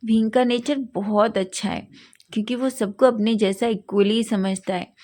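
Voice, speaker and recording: A woman's voice: a little high, steady tone, normal speed, a little mellow. Woman reading out a fanfic love story, keeps tripping on words and fixing them. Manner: stumbles and corrects herself often. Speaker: fanfiction narrator.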